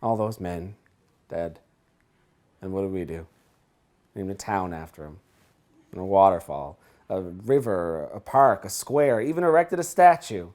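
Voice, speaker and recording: An actor playing a reflective caller who speaks in a measured, solemn way. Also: male voice, deep voice, animated, a little mellow. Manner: measured, reflective, rising to indignation. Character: thoughtful grown man calling in, solemn about war history. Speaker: radio caller.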